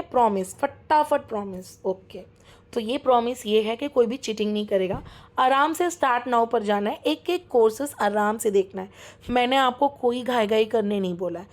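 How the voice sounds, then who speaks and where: A young woman teaching a live online class, chatty and encouraging, mixing English into her speech and often checking that students are following. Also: on the high side. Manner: talks fast, keeps checking students follow. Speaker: online course mentor.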